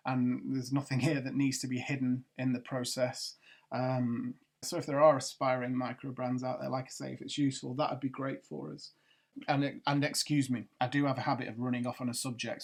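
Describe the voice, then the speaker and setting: A man's voice: mid-range voice, gravelly. A middle-aged man, founder of a watch brand, talking casually over a screencast, rambling with many ums and restarts. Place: at a computer doing a screencast.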